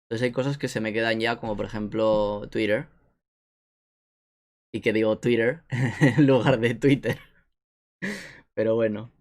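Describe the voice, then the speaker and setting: A man's voice: on the low side, steady tone, unhurried, pauses often, a little mellow. A young man from Spain with an Asturian accent, chatting casually on a live stream and reading chat messages aloud with a joking tone. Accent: Asturian Spanish.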